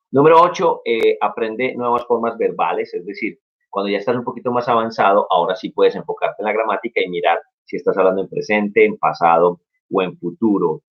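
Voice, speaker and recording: A young man hosting a casual live-stream English lesson, talking in a lowish voice. He sounds upbeat and encouraging and walks through his points one by one. The audio is dull and lo-fi, like a streamed recording. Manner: upbeat, encouraging, explains step by step. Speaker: English teacher. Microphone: live-stream mic.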